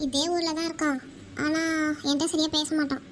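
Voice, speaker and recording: A woman voicing a young woman in love in a cartoon, who speaks softly and hesitantly. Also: high voice, little pitch movement, a little fast, slight background noise, close to an everyday voice. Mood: worried. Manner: soft, hesitant speech. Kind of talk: cartoon voice acting.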